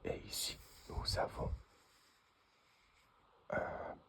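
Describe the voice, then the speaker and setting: A man presenting an unboxing in breathy, whispered ASMR, close as if right in your ear, in short halting phrases. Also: a bit bright, a little hiss or hum. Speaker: unboxing video host.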